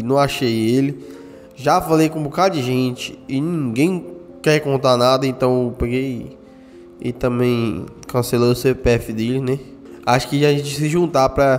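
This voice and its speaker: A man, doing animated game roleplay full of slang and tough-guy banter. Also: medium pitch. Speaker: gamer doing roleplay as a gorilla's son. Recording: reverberant with faint background music.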